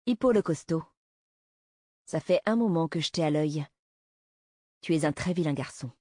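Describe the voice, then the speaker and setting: A woman's voice: sits low, expressive, moderate pace, dark tone, no room sound, studio quality. A woman reading the part of an armed woman killer in an audiobook, cool and mocking.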